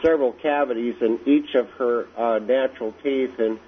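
Male radio caller, hesitant, halting delivery, tinny phone line with faint hiss. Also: mid-range voice, steady tone. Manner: hesitant, many fillers. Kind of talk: phone-in call.

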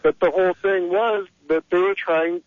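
The caller, an Egyptian man on a radio talk show, has a high-pitched voice with a steady tone and moderate pace. Over a dull lo-fi telephone line without room sound, he rambles heatedly and opinionatedly.

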